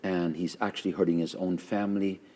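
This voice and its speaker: This Canadian man has a deep, naturally loud voice and hosts an earnest interview as a pastor. His delivery is fervent and emphatic, level in tone and slightly quick, with phrases repeated for stress.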